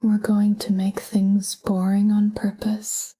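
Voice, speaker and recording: Guiding a sleep meditation, a woman speaks at a medium pitch in a soft, breathy whisper. She sounds calm and gentle, moving through short phrases without hurry.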